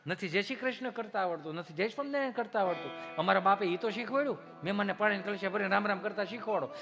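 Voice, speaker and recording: A high-pitched man with a Kathiawadi Gujarati accent works a live stand-up crowd in a bright, ringing voice. He spins folksy stories and keeps turning to the audience with punchy rhetorical asides. The sound is a little dull, with faint hiss. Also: rapid-fire, soft background music. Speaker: stand-up comedian.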